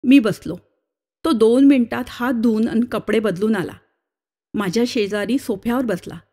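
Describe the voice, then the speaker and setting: A woman's voice: moderate pace, mellow. A woman narrating a short story aloud, voicing each character's dialogue herself. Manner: shifts pitch for different characters' dialogue.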